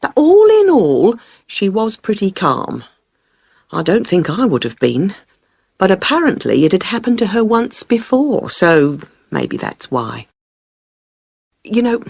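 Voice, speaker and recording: An actress playing a chatty female witness, telling a police officer what she saw in a rambling, lively way in a scripted listening test dialogue. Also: mid-range voice, husky, no room sound, heavily acted. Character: chatty female witness recounting a street bag snatch.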